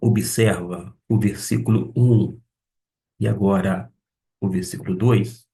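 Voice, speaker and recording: A man, his low voice moving at a very unhurried pace. He teaches a Bible Greek lesson, carefully repeating each word he explains. He sits a little back from the microphone. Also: steady tone, gravelly, warm tone, far from the mic. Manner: deliberate, pausing to spell out and repeat Greek words.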